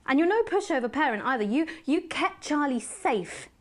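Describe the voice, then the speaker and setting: A woman voicing a posh female TV news anchor in a game, smooth on air but awkward and pleading underneath. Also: high voice, sing-song, moderate pace. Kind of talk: scripted game voice acting.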